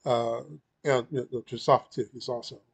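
A man with a slightly husky voice hosts a casual podcast. He talks loosely and unhurriedly, with plenty of filler words. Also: mid-range voice, level tone, normal speed. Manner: laid-back, filler-heavy, laughs often. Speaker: podcast host. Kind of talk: casual chat.

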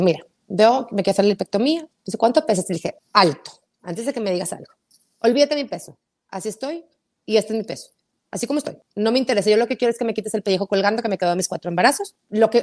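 Quick talking woman in her 40s telling a story, acts out the voices, drops english bits here and there. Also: medium pitch. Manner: animated storyteller, acts out quoted dialogue, mixes in English phrases. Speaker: podcast guest. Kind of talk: casual conversation.

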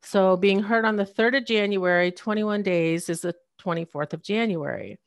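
A woman giving a personal faith testimony about her husband, speaking earnestly and laughing softly between phrases. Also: medium pitch, moderate pace, no echo, studio quality.

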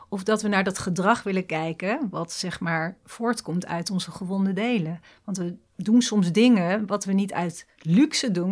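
A woman coach and trainer in a conversational interview, speaking earnestly and reflectively with frequent hesitations. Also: mid-range voice.

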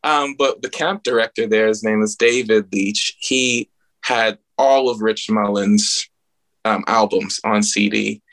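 Earnest guy from the bahamas, low gravelly voice, pretty flat delivery, kinda searching for words. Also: a little slow. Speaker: guest musician. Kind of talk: casual spoken remarks at an event.

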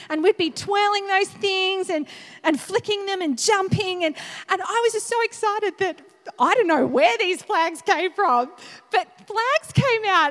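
A woman in her thirties preaching a sermon, telling a personal story with animated, laughing energy. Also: extremely high pitch. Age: 30s. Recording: long hall reverb.

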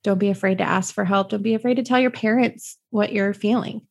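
Out-of-breath young woman, podcast guest, vocal fry, halting with many fillers. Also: medium pitch, steady tone, darkish tone. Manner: halting, filler-heavy, searching for words. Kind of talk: casual interview chat.

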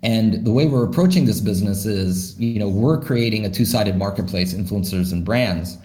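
Answering interview questions at normal speed, a male startup founder sounds thoughtful and relaxed, his slightly low voice mellow. He leans on "you know" and frequently restarts, and the audio carries the echo of an open room.

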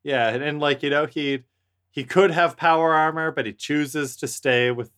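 A man's voice: a little high, fairly even intonation, moderate pace, fairly bright tone. A man co-hosting a podcast, amused and laughing in a casual chat. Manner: drawling, amused, laughs often. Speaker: podcast co-host.

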